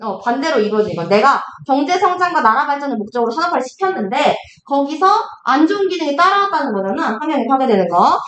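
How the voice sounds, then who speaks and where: A woman tutoring a class in Korean literature, lecturing briskly and acting out characters' lines as she explains, with questions to her students. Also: high voice. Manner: lively, acts out characters' lines in quotes, asks students questions. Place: classroom at a cram school. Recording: echoey classroom, faint noise.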